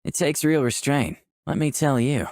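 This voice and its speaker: Someone plays a visual novel and reads both the protagonist's lines and the narration aloud, playful and flirtatious. The voice is mid-range and somewhat dark, at a moderate pace, captured cleanly in a studio with no echo.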